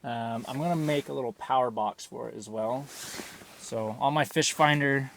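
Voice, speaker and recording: A man hosting a casual fishing vlog, talking in excitable bro slang. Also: medium pitch, moderate pace, vocal fry, a little hiss or hum. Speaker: host of an outdoor fishing channel. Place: outdoors in a snowstorm, later inside an ice fishing tent.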